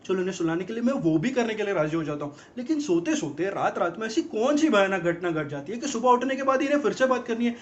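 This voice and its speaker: An actor playing an exasperated young man in a rapid-fire, mocking film comedy monologue about girlfriends. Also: high-pitched, expressive. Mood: ranting. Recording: dull lo-fi film audio.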